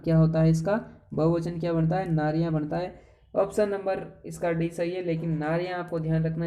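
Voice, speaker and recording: A male teacher walks through an exam-prep grammar lesson in a mellow, dark-toned voice. His pitch stays level and flat throughout. He keeps it chatty, tossing out playful asides and rhetorical questions to his viewers. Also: creaky. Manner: chatty, addresses viewers as friends and brothers.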